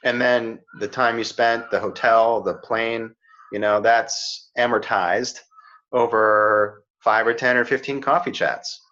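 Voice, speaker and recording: Speaking slowly with a medium pitch, a middle-aged career coach gives advice in an informal chat, his tone steady yet sharp. He comes across as earnest, often asking "right?" or adding "you know," and the recording sounds a bit muffled and dull.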